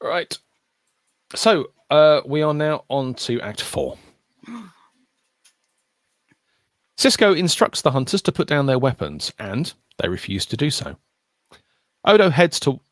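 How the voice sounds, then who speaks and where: A man hosting a podcast, reading out an episode summary with animated asides in a casual chat. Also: medium pitch, a little slow, long pauses, no room sound. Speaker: podcast host. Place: recorded podcast session.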